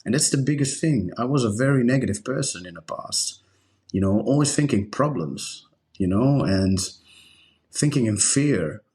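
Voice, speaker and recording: A man whose first language is Dutch, a breathwork instructor speaking earnestly in a casual podcast chat, with halting restarts. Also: mid-range voice, expressive, a little mellow.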